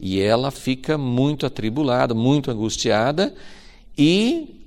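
A man preaching a Bible lesson, retelling the stories by acting out the characters' lines, with many fillers. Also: mid-range voice. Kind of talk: Bible teaching sermon.

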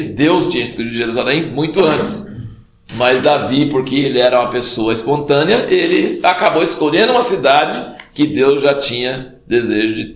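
A man giving an informal Bible teaching in a conversational, animated way, often checking in with the listener. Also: mid-range voice, slight background noise. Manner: conversational, animated, tag questions like "né?" and "entendeu?". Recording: roomy echo.

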